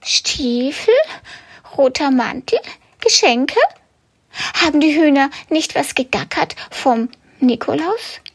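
A woman voicing a small, frightened male rabbit in a storybook reading, squeaky and panicky. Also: lively intonation, takes it slowly, heavily acted. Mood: anxious.

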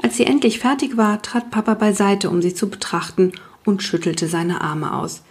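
A woman narrating a children's story in the first person, calm and even. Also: medium pitch, normal speed. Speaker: audiobook reader.

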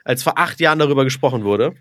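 A man's voice: medium pitch, expressive, fast talker, a bit bright, no echo. A man co-hosting a casual podcast chat, explaining things at length with many fillers and hedges. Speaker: podcast co-host.

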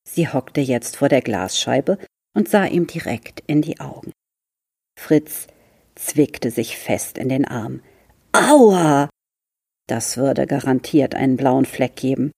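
A woman reads a children's book aloud in a library, telling the story in a calm and unhurried way. Her voice is very low, dark and husky, with a gravelly edge. The sound is dry and close. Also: dry recording. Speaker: library reader.

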